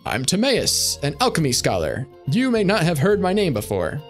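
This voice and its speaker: A man's voice: on the high side, wildly swooping pitch, moderate pace, soft background music. A man voicing a fussy, wordy young male alchemy scholar in a game. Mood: earnest.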